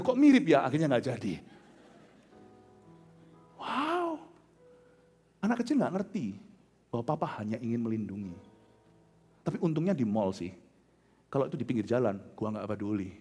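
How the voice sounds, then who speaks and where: A middle-aged man with an Indonesian accent preaching a sermon as a pastor, telling stories with loud outbursts and soft low asides. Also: husky. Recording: large hall with long reverb.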